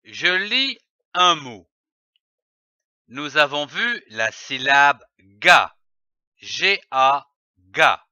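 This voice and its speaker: A man teaching children to read, sounding out and spelling syllables slowly and carefully. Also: fairly high pitch, very animated, sharp tone, smooth, dry recording, dull audio. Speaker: reading teacher. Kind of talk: slow syllable-by-syllable reading lesson.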